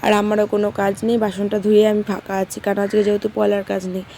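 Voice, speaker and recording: A young mother, her voice hoarse and strained, chatting homely and casually to her viewers. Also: medium pitch, monotone, rapid-fire, a little hiss or hum. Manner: chatty, homely, soft baby talk with her daughter. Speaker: vlogger, mother. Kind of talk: casual vlog narration to viewers.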